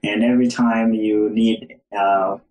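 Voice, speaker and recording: A man's voice: fairly low pitch, level tone, unhurried, darkish tone. Ugandan-born man in a roomy echo. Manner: hesitant, many fillers and restarts. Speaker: guest. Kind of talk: casual interview.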